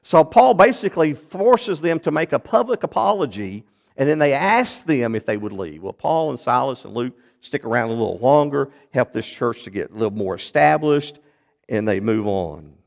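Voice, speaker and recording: A man preaching a sermon in a mid-pitched voice with a gravelly edge. He tells the story animatedly, jumping up in pitch and volume and then dropping low. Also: very animated, moderate pace.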